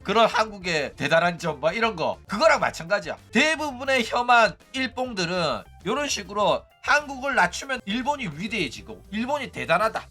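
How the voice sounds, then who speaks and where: A male streamer gives casual commentary in a high, bright voice that jumps all over its range. He sounds animated and chatty and throws in mocking asides. Faint music plays behind him. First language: Korean.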